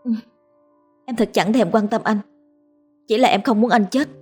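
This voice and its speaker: A woman's voice: medium pitch, normal speed, a little mellow, husky, faint music behind, pitched above the performer's own voice, close to an everyday voice. A woman voicing a poor, timid young wife who pleads and sulks. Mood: sulky.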